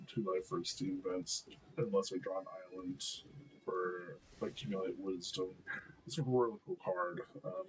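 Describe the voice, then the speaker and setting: Quiet deep-voiced man thinking aloud. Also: slight background noise, poor audio. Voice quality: deep, low voice. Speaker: gameplay commentator. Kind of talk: casual gameplay commentary.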